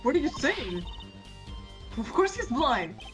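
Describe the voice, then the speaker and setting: A woman playing a snippy young detective from a courtroom game, high-voiced and lively in pitch. Her reads come quick and flustered, with faint game music behind. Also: exaggerated voice. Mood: confused.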